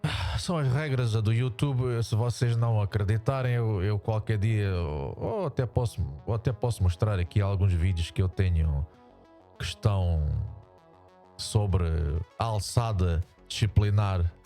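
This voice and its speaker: Man through a deep voice changer. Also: a little slow, warm tone, soft background music. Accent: European Portuguese. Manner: rambling, many restarts and repetitions. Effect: voice changer, pitched down. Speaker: YouTuber reacting to a sports show. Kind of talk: casual commentary to viewers.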